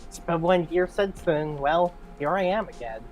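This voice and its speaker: Rookie female defense attorney, earnest, slightly low voice, hesitant but resolved; played by a woman. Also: a little mellow, faint music behind, natural voice. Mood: determined. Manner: earnest, halting when flustered. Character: young female rookie defense lawyer, nervous but determined.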